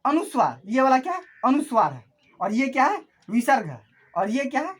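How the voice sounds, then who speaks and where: Woman teacher going over a lesson, asks then answers herself, pitch jumps around a lot, on the high side. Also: big pitch swings, brisk, breathy edge. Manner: asks questions and answers them herself, repeating key terms. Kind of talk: online class lesson.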